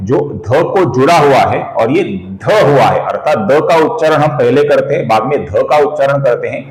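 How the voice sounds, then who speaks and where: A man's voice: mid-range voice, lively intonation, reverberant, low-quality recording. Patient man teaching chant pronunciation. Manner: patient, slows down to spell out syllables; addresses viewers as friends. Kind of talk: video lesson on chant pronunciation.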